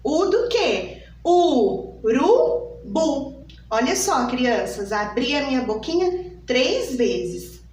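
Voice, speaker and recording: A woman teacher, giving a phonics lesson for small children and drawing each word out slowly in an exaggerated sing-song way. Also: high voice, very animated, recorded from a distance, a little hiss or hum. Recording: echoey room, voice from off the mic.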